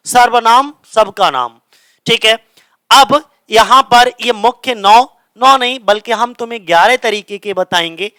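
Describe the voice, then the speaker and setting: Bright-voiced male teacher, self-answering questions. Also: sits high, smooth, dry recording. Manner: asks questions and answers them himself, repeats key words. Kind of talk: grammar lesson explaining in Hindi.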